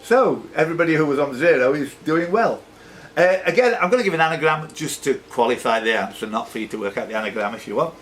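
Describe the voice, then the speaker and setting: Fast-talking and animated, this man's voice sits on the high side and sounds a bit bright. He's the host reading questions at a live pub-style quiz in a sports and social club room, tossing in off-the-cuff jokes and chatty asides, recorded live in a noisy room.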